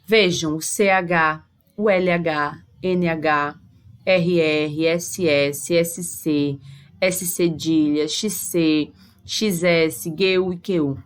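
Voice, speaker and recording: A woman teacher with a Brazilian Portuguese accent giving a recorded lesson to sixth graders, spelling out sounds slowly and carefully. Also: sits low, steady tone, smooth.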